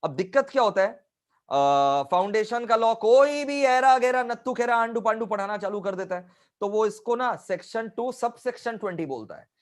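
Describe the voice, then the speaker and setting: Man, teacher, live online class, high voice, emphatic, repetitive. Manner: emphatic, repeats key points, scolding asides.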